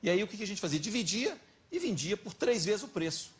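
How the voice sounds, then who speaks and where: A middle-aged man with a Minas Gerais accent, telling anecdotes as a talk show guest in an animated, chatty way. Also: sits high, fairly quick. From Minas Gerais, Brazil. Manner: lively anecdotal, animated retelling. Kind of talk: casual storytelling chat.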